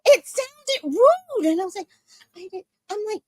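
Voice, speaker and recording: A woman's voice: very high-pitched, expressive, unhurried, dark tone, dry recording. A woman in her sixties telling a story in a casual, profane, dramatic way as a podcast host. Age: 60s.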